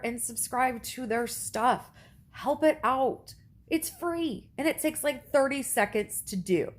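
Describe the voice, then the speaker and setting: A woman YouTuber chatting casually to the camera, animated and heartfelt, hiccuping and choking now and then. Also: medium pitch.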